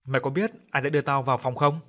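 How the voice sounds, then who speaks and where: A man's voice: mid-range voice, fairly even intonation, fast talker, a bit bright, close to an everyday voice. A man voicing a young woman, a frightened and grieving mother who speaks in a tearful, pleading way. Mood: fearful.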